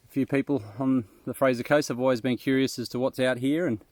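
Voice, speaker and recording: A laid-back man from New South Wales, Australia, vlogs from the bush as an amateur explorer of abandoned mines, chatting casually and slangily to viewers with a self-deprecating streak. His mid-range voice is a little mellow, flat in delivery, and quick. The recording is dry.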